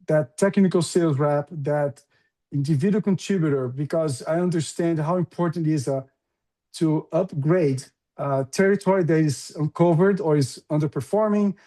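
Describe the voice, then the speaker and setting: With a warm, fairly high voice at a moderate pace, a middle-aged Brazilian man chats enthusiastically as an interview guest, full of fillers. Portuguese is his first language, he carries a Brazilian accent, and he runs a recruiting business he founded.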